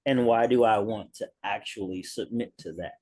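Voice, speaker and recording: A man in a writing group sharing his reflections on a video call, slow and thoughtful, repeating key words. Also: fairly low pitch, darkish tone, dry recording. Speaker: workshop participant.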